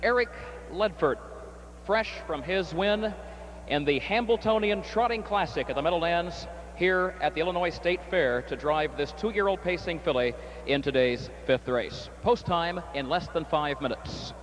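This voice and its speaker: A man calling a harness race as the track announcer, reading entries and calling the running order in crisp broadcast style. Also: a little high, noisy background. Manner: rapid crisp calling, rising excitement in stretch. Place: outdoor racetrack.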